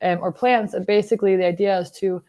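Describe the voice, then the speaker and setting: She's a young woman from Denmark running a biotech startup, and she fields interview questions quickly in a medium-pitched voice. Her tone stays easygoing and explanatory, full of filler words.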